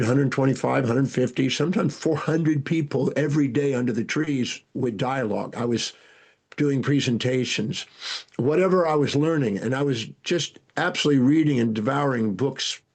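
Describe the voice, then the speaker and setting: An older man, a guest speaker and educator, telling animated stories from his life in an interview, with frequent restarts. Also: mid-range voice. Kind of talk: storytelling interview answers.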